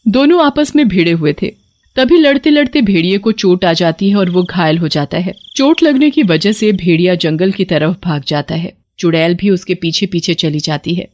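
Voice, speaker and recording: A woman narrating an animated horror story in a steady, even storytelling manner. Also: lowish voice, moderate pace, no room sound. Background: faint music.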